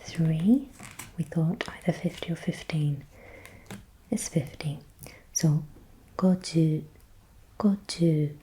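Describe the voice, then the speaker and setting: A woman whispering softly in ASMR style, slowly repeating words and thinking aloud as she guesses. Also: deep voice, slight background noise, low-quality recording. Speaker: ASMR creator.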